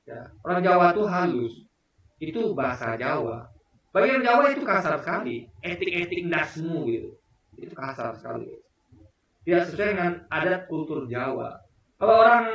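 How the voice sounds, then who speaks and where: High-voiced man in a very echoey room. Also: a bit bright. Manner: emphatic, rhetorical questions, keeps addressing the audience. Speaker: political commentator. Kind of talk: casual spoken commentary to viewers. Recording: very echoey room, voice far from the mic.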